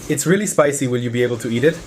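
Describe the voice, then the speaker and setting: A man's voice: medium pitch, very fast, a little mellow, a little hiss or hum. A man vlogging casually, commenting on food and family for his viewers. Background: music, clinking dishes.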